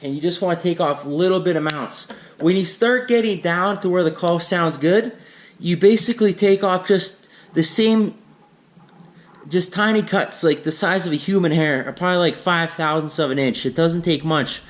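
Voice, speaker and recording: A man's voice: a little high, moderate pace. A man giving a casual, plain-spoken, unscripted hands-on tutorial as an instructor. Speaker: instructor in a how-to demonstration.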